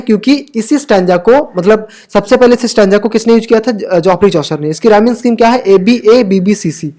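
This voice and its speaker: A woman's voice: mid-range voice, darkish tone. A woman teaching English literature for exam prep, asking rhetorical questions, checking in often and fixing her own slips as she talks. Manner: corrects own slips mid-sentence. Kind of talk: exam-prep lecture mixing Hindi and English terms.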